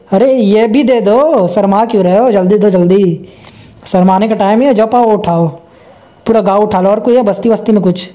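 A man's voice: high voice, mellow. A young man giving casual, joking commentary over gameplay and talking to himself as he plays. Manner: chatty, joking, talks to himself.

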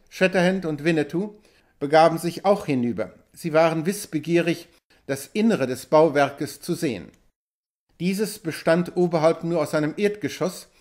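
A man narrates an adventure novel as an audiobook. His reading is steady and even. His voice sits a little high for a man. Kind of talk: scripted narration.

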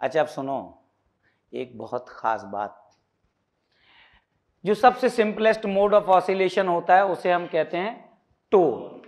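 High-voiced man teaching physics. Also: a bit bright, dull audio. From India. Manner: quizzing students with repeated questions, mixing English terms; bantering, teasing asides. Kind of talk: classroom lecture.

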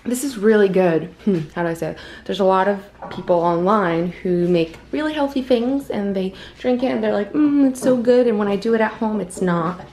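A woman's voice: medium pitch, normal speed, few pauses, a little mellow, poor audio. A young woman talking casually to a handheld camera as she vlogs her day, rambling with lots of fillers. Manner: chatty, rambling, many "like" and "um" fillers. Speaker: vlogger. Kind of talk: casual daily vlog narration.

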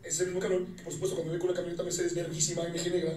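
Mexican man, high fast rant full of slang, distant echoey clip with faint noise. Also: completely flat delivery, darkish tone. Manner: fast, coarse, slangy, acts out quotes. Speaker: comedian recounting a wedding fight. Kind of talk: ranting storytelling.

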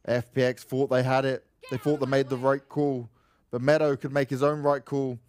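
A man's voice: mid-range voice, little pitch movement, normal speed, a little mellow, smooth. A man giving dramatic live commentary on an esports match.

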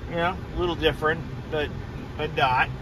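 Young man, casual driving vlog, rambling with ums, slightly high voice, road noise, dashboard phone mic. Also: fairly even intonation, fairly quick. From New England. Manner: rambling, self-correcting, with filler ums. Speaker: car vlogger. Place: inside a moving car. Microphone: phone camera on the dashboard. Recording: car and road noise behind.

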